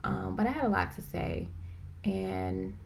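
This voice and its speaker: Streaming live from a phone or computer, this woman chats excitedly about faith as host of a video chat. Her mid-range voice is creaky, and she rambles, packs in fillers, and admits she talks fast.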